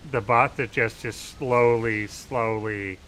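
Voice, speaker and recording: A man's voice: mid-range voice, steady tone, takes it slowly, fairly bright tone, a little hiss or hum, poor audio. A man co-casting live esports, laid-back and agreeable, often answering with "yeah" and "indeed". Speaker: co-caster.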